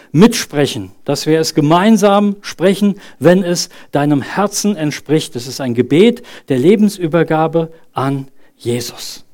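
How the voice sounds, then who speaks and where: A man's voice: high voice, darkish tone. A man in his thirties preaching a sermon in an earnest, conversational way, asking the congregation questions and leading a prayer. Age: 30s. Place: church service.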